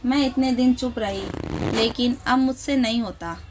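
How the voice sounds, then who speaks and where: Stubborn elderly mother-in-law who scolds harshly, read by a woman narrator with a higher pitch. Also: fairly even intonation, moderate pace, background noise, natural voice. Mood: angry, scolding.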